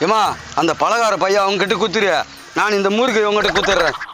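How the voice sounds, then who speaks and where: A man acting a scheming father in a village comedy sketch, teasing and bantering with quick comebacks. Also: sits high, fairly even intonation, pushed and bright, soft background music.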